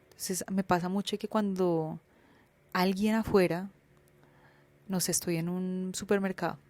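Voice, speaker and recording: Colombian woman talking real candid, cusses a lot, kinda low voice, dry mic. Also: fairly even intonation, unhurried, a little mellow, no echo. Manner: candid, colloquial, swears freely. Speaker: podcast host. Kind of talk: reflective personal monologue.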